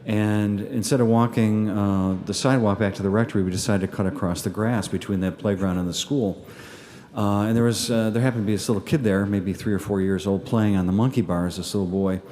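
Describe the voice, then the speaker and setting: A male pastor speaks to his congregation at Mass in a relaxed, folksy homily. His voice sits fairly low and sounds dark and mellow. He talks in loose, conversational sentences full of "uh" and restarts. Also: fairly quick. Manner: chatty, folksy, with many fillers and restarts. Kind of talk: casual homily with an appeal. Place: church at Mass.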